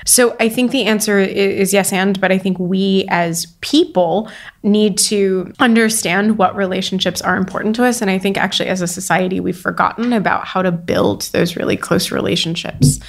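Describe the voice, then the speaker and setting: A woman being interviewed, talking openly and warmly about her work and feelings, with plenty of casual fillers. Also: medium pitch, moderate pace, gravelly. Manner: animated, chatty, full of 'like' and 'you know' fillers; open and emotionally candid. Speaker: interview guest.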